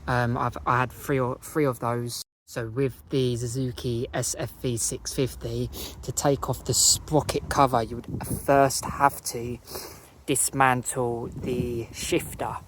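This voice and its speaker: A man with an Essex accent casually talking through motorcycle maintenance outdoors, relaxed and rambling with fillers and self-corrections. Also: medium pitch, a little slow, slight background noise. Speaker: motorcycle vlogger. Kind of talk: casual how-to narration. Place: outdoors beside a parked motorcycle.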